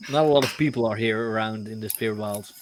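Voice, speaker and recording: A man's voice: on the low side, quick pace. A man, narrating as game master, often stopping to search for words.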